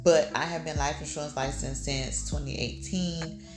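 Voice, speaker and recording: A woman's voice: low voice, steady tone, moderate pace, echoey room, over music. A woman in her thirties talking casually about her goals, chatty and upbeat, with lots of ums. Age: 30s. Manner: chatty, filler-heavy, upbeat with laughs. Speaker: vlogger. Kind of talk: casual personal chat.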